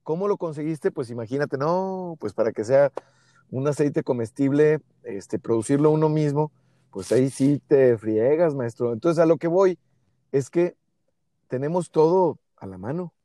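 A man's voice: fairly high pitch, normal speed, mellow, no echo, studio quality. A man with a Mexican accent co-hosting a casual podcast chat, reflective and fond of rhetorical questions. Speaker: podcast co-host.

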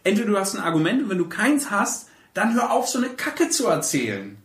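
Speaking high and fairly quick, a male podcast host keeps things casual, animated and emphatic, tossing out blunt colloquial comments. The mic is distant and the room echoes.

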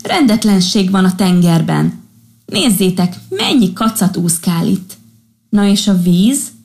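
A woman's voice: on the low side, animated, a little mellow. A woman voicing an old great-grandmother sea creature who rallies the sea animals in a storybook. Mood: rousing. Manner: rousing, calling to a crowd.

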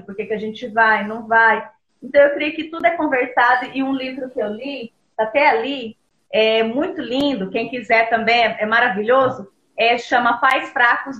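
A woman's voice: a little high, fairly bright tone, reverberant, highs cut off. Earnest missionary mother on a video call. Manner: earnest, religious, hesitant restarts. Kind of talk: casual video call interview.

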